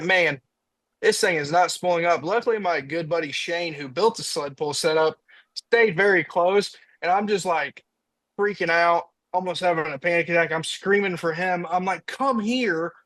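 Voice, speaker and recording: A man's voice: fairly high pitch, moderate pace, a bit bright, no room sound, rough recording. A young man from Indiana, a diesel truck racer on a podcast, telling a story in casual chat and acting out his own quotes.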